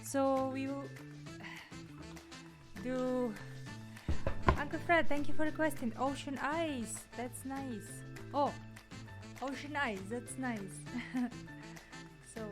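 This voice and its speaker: A woman live streaming, chatting casually and giggling as she talks to her viewers while traveling. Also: a little high. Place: outdoors, traveling.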